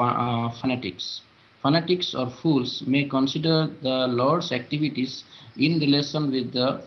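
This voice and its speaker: A man reading a religious text aloud to a class, in a halting, hesitant way with many filler sounds. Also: medium pitch. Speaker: student reader. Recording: dull lo-fi recording.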